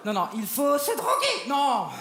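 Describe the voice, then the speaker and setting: A man's voice: very high-pitched, wildly swooping pitch, unhurried, a bit bright. A man performing as a ventriloquist, scolding his puppet with exasperated laughter. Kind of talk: ventriloquist stage act. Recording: echoey live stage with crowd noise.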